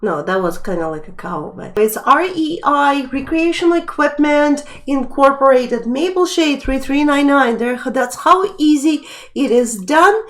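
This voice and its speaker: A young woman with a high, animated voice hosts a live stream trivia quiz, speaking unhurriedly. She chats casually while reading out questions and viewer names.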